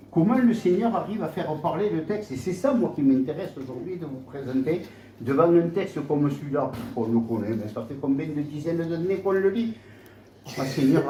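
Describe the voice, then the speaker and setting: A man with a French accent preaching a sermon in a church, animated, with rhetorical questions and swings from soft asides to raised emphasis. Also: medium pitch, slight background noise. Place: church hall. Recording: roomy church hall, dull lo-fi sound.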